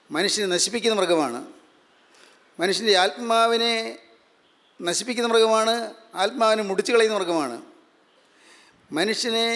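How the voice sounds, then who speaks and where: A man with a Malayali accent preaching a sermon, measured and repeating phrases for emphasis. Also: high voice. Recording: long hall reverb.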